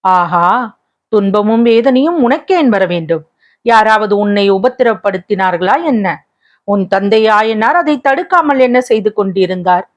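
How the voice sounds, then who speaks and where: A woman voicing a young prince who is tender and coaxing, asking gentle questions, in a slightly muffled recording. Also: medium pitch, lively intonation, unhurried, close to an everyday voice.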